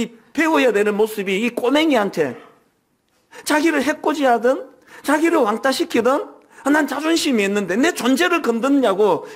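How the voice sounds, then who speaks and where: High-voiced, lively older male pastor. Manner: conversational preaching with personal anecdotes and humor; frequent rhetorical questions to the congregation. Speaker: senior pastor. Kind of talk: Sunday sermon. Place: church sanctuary.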